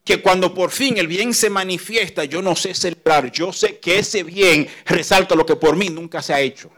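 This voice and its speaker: A middle-aged pastor delivers a sermon in a slightly high voice. His preaching swings between soft, close passages and loud, forceful ones. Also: moderate pace.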